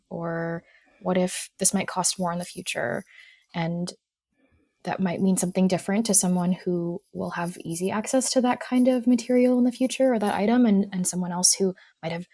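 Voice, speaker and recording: A woman counselor guesting on a podcast, talking in a thoughtful, measured way and often stopping to qualify her points. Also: fairly low pitch, vocal fry, warm tone, no echo, studio quality. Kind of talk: casual podcast conversation.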